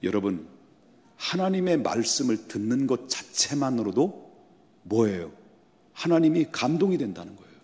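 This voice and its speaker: A male pastor preaching a sermon in a church sanctuary, his voice at a middling pitch. He often puts rhetorical questions to the congregation and climbs to loud, emphatic stretches. A long hall reverb trails each phrase. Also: very animated, moderate pace. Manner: builds to loud, high emphatic passages.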